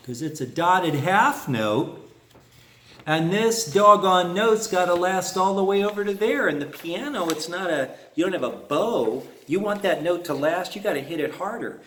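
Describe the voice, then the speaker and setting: A man's voice: sits high, expressive, normal speed, a bit bright, reverberant, slight background noise. A man teaching a harmonica lesson in a folksy way, humming phrases on "na" to show them. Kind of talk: music lesson explanation.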